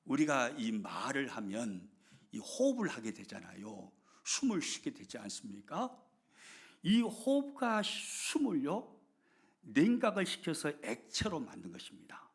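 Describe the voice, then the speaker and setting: A middle-aged male pastor, preaching a sermon with dramatic swings between loud emphasis and hushed whispers. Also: mid-range voice, huge pitch swings, unhurried, creaky, breathy edge.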